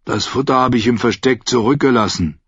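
A man's voice: mid-range voice, a little fast, fairly bright tone, husky, no room sound, lo-fi sound, pitched above the performer's own voice. A man voicing a big, simple, earnest fellow. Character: big, slow-witted, gentle young man.

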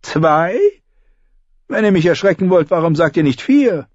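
A man's voice: a little high, lively intonation, measured pace, dry recording, highs cut off, pitched above the performer's own voice. A man reading an audiobook, voicing a clever, sardonic dwarf lord with a wry, mocking delivery.

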